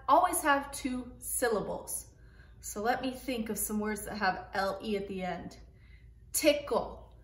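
A woman teaching young children an early reading lesson, sounding out words slowly and clearly in an encouraging way. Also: high-pitched, a bit bright, echoey room.

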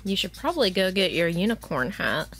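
A woman in her thirties chatting casually while filming herself in her kitchen, thinking out loud as she goes. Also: lowish voice, very animated, fairly quick, a little hiss or hum. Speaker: family vlogger. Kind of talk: casual vlog chat. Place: home kitchen. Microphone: handheld camera at arm's length.

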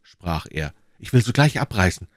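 A man's voice: low voice, big pitch swings, normal speed, no echo, studio quality. A man voicing a bold, devoted young swordsman in an audiobook, eager and declamatory. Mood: ardent. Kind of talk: audiobook reading, acted dialogue.

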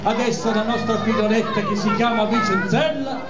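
A man's voice: high-pitched, steady tone, moderate pace, heavy background noise, natural voice. A man voicing a cheeky, poor Neapolitan puppet clown in live comic theatre, addressing the audience theatrically. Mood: chatty, proud. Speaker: puppeteer performer. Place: outdoor puppet booth through speakers, filmed from audience. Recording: dull echoey outdoor recording with crowd.

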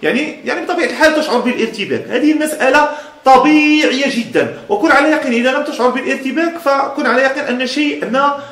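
A man's voice: very high-pitched, very fast, a bit bright, roomy sound. A man from Morocco with a Moroccan Amazigh accent, giving a casual motivational talk in an emphatic, blunt way, laughing often between points. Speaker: motivational speaker.

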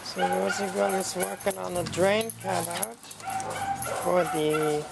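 A woman's voice: on the low side, steady tone, takes it slowly, vocal fry. A woman filming a home renovation, chatting casually to viewers and explaining each step as she goes. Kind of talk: casual narration to camera. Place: outdoor backyard and small bathroom. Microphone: handheld camera. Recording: noisy outdoor camera audio with dogs barking.

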